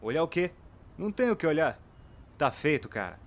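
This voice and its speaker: A man's voice: fairly high pitch, very animated, a little fast. A man playing a brash, smug detective, blunt and slangy, in acted crime comedy-drama dialogue. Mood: smug, dismissive. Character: cocky, teasing male police detective, brash, dismissive.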